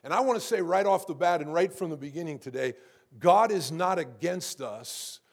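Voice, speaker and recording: A man's voice: lively intonation, moderate pace, breathy edge. A man preaching a sermon to a congregation. He keeps asking them how many know, and he repeats words as he builds up. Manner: rises in pitch and volume to preach with force. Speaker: pastor.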